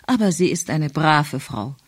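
A woman voicing a brisk, sensible woman in an audiobook, quick and matter-of-fact. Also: low-pitched, lively intonation, no echo, studio quality, exaggerated voice.

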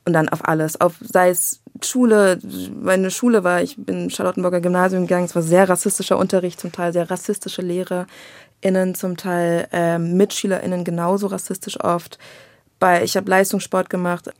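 A woman's voice: lowish voice, moderate pace, dry recording, clean studio sound. A young woman from Berlin with a Berlin German accent, talking candidly and reflectively as an interview guest. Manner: candid, reflective, slangy, quotes others in lively voices. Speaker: children's book and screenwriter, interview guest. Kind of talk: casual conversational interview.

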